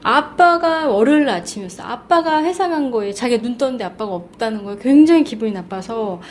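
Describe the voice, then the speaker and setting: A mother in her thirties with a fairly high voice hosts a radio chat. She tells stories in a casual, lively way. A faint hiss runs under the voice. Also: fairly quick. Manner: warm storytelling, lively retelling with acted quotes.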